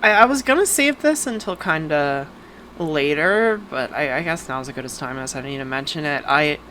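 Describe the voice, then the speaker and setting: Chatty lower-voiced woman on a podcast. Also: expressive, a bit bright, slight background noise. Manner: chatty, many fillers, quick asides. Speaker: podcast co-host. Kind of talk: casual chat.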